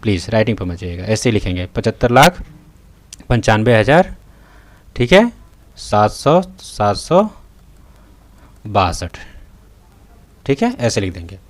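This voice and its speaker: A man's voice: fairly low pitch, big pitch swings, unhurried, pauses often. A man teaching a math lesson in a touch, writing on a tablet as he talks and often checking that the students follow. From North India. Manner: repeats "theek hai" and "hai na", checks in with students. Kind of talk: tutorial lesson. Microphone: voice-over recorded while writing on a tablet.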